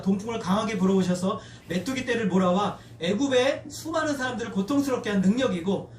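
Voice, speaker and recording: A man's voice: high-pitched, darkish tone, echoey room, distant mic, a little hiss or hum. A man preaching a sermon as pastor, earnestly leading his congregation through scripture readings. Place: church sanctuary.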